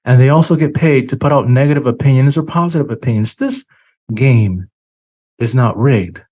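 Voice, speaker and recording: Man, finance show host, earnest, emphatic, drawn-out stressed words, a bit tired. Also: medium pitch, warm tone. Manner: earnest, preachy, emphatic with dramatic slow stresses. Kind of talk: solo commentary monologue.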